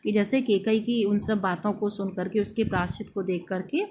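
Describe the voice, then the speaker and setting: A woman teacher reciting poem verses slowly and then explaining them line by line, often pausing with fillers. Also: medium pitch, steady tone, darkish tone. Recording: dull lo-fi recording, faint noise.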